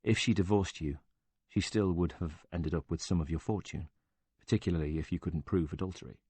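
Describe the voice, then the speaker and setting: A man reading as a calm, probing interviewer. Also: low voice, husky, no echo. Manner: measured, questioning.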